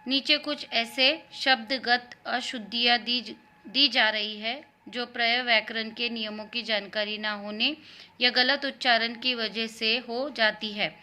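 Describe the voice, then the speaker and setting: A woman teaching a Hindi grammar lesson to young children, explaining patiently and repeating words slowly for her pupils. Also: a little high, fairly even intonation, sharp tone.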